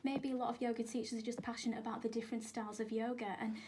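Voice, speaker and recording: A yoga instructor appears as a guest in a radio studio, explaining things in an informal, emphatic way. Her voice is a little high and darkish, with little pitch movement, and she races along. The studio recording is clear, with background noise present.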